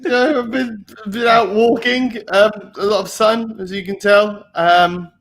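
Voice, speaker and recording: A man's voice: sits high, steady tone, measured pace, a bit bright. A man chatting on a comedy video call, hesitant and self-deprecating, full of ums. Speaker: comedy troupe member. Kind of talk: casual video-call chat.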